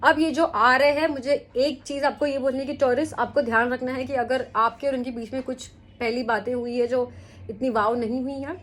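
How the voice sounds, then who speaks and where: Casting: young adult woman, fairly high voice, chatty tarot reader, keeps checking in with the listener. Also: steady tone, normal speed, fairly bright tone. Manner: chatty, mixes English into Hindi, repeats "ठीक है?". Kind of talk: weekly horoscope tarot reading.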